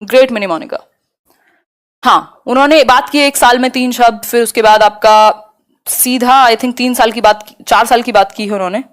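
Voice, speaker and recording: Teacher, female, fairly high voice, chatty, keeps checking in with the class. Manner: quick, conversational, checks in with students often. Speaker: exam-prep teacher. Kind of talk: live online class.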